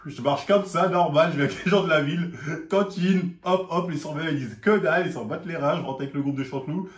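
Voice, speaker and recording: A young man from the telling a story casually, with slang and an animated, acting-out delivery. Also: fairly high pitch, fast. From France, Paris suburbs. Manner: animated, slangy, acts out quoted lines. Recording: roomy echo.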